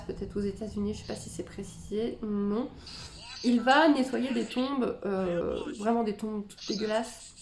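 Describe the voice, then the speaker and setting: A woman's voice: mid-range voice, darkish tone, echoey room, slight background noise. A woman giving casual reaction commentary on videos, musing and chatty, reading captions aloud and then weighing in. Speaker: spiritual content creator reacting to videos.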